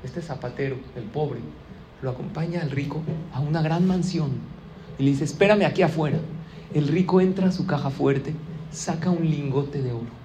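Rabino mexicano de voz algo aguda. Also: male voice, a little high, normal speed, background noise. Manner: lively storyteller, addresses audience directly. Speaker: rabbi. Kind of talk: sermon with a moral story.

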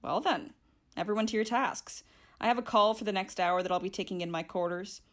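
A woman's voice: mid-range voice, fairly quick, a bit bright. An actress playing a curt, bossy female starship captain, heard over the ship's comms channel with a slightly distant sound. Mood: commanding. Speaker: ship's commander.

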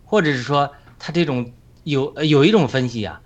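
A man leading a group discussion, talking in a measured way and often checking for agreement with tag questions. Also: medium pitch, animated, lo-fi sound. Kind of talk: casual spoken sharing.

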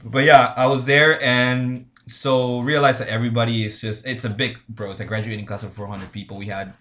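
Here the young Honduran podcast guest, a Spanish speaker with a Spanish accent, talks at a medium pitch in a level, brisk way with a fairly bright tone. It's a loose, casual chat full of laughter and plenty of "bro."

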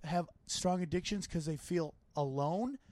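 Comedian guy, high voice, fired up, swears a ton, dry close mic. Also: no room sound. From Armenian and Italian heritage. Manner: excited, heavy swearing, rapid emphatic bursts. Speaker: comedian guest. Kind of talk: casual podcast chat. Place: home studio man cave.

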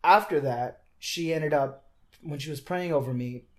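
Young guy, kinda high voice, telling his story real earnest, lots of restarts. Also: normal speed. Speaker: guest. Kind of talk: personal testimony in conversation.

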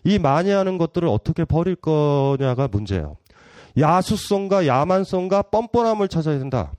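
Middle-aged guy doing a philosophy talk, teasing the crowd, laughs a lot, pitch kinda high. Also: expressive, normal speed, darkish tone, no echo. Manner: playful, teasing, provocative, laughs often. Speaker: philosophy lecturer. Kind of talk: public lecture with audience Q&A.

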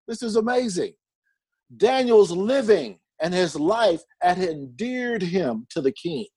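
High-voiced conversational male preacher. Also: a little mellow, no echo. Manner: conversational, reads verses then comments with enthusiasm. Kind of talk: sermon reading and explaining scripture.

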